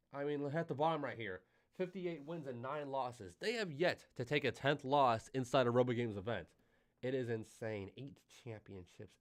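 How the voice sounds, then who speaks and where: A man hosting a live stream, talking with excitable, animated swings in volume and pitch, and a little out of breath. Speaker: livestream host.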